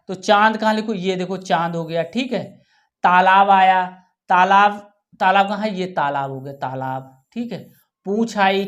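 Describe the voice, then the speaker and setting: A woman teaching young children in a slow, unhurried voice. She says each word and then says it again so the class can repeat after her. Her pitch sits in an ordinary middle range, and she often checks in with the class between tasks. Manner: talks children through writing tasks, often ending with "ठीक है". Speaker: primary school teacher. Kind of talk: Hindi workbook lesson for young children.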